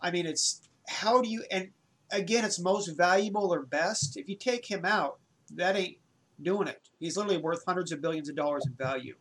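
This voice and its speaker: A man co-hosting a casual podcast chat, blunt and salty, reacting fast and swearing freely. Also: high voice, fairly bright tone. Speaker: podcast co-host. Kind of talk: casual chat about stocks. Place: home room with a window.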